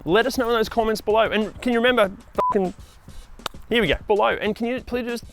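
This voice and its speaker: A man with an Australian accent presents a used car review outdoors beside a car, upbeat and animated, swearing when he fluffs his lines. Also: sits high, fast talker, background noise.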